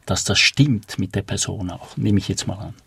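A man on a radio book discussion speaks in a wry, measured way. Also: deep voice, vocal fry, a bit bright, husky, no echo.

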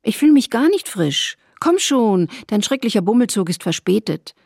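A woman reading aloud voices a lively, bossy young woman with a creaky, husky voice. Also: mid-range voice, normal speed, dry recording, clean studio sound, heavily acted. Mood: brisk.

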